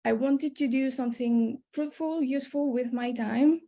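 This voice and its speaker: A young woman with a higher voice introduces herself at a webinar, speaking at a moderate pace in a mellow tone over a video call. Born in Colombia and raised in Spain, she is a PhD student and science communicator appearing as a panelist.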